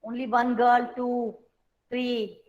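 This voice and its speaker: Indian lady teacher, high voice, really slow and patient, dull lo-fi call audio. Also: little pitch movement, a little mellow. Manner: patient, explains slowly, mixes Hindi and English. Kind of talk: online class lesson.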